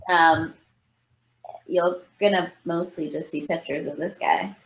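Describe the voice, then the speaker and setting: A woman's voice: fairly low pitch, steady tone, unhurried, a little hiss or hum. A woman in her thirties, a voice actress as the guest, talking casually and often filling with "like" and "you know". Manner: chatty, frequent "like" and "you know" fillers. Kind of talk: casual interview chat. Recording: roomy, slightly dull podcast audio.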